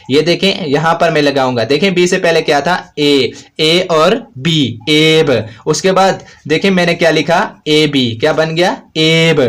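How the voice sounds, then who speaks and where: A man teaches step by step. He asks the class a question, answers it himself, and repeats key points. The delivery is steady and patient. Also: a little high. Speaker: shorthand teacher. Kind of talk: classroom-style lesson.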